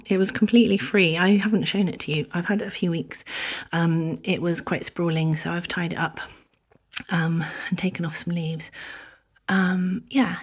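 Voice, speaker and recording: Woman w a cold, low husky voice, kinda breathless, half whispering about her plants at home. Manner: soft, half-whispered, hesitant with many ums. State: has a cold, short of breath. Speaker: houseplant vlogger. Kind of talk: casual plant tour. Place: indoors at home among houseplants.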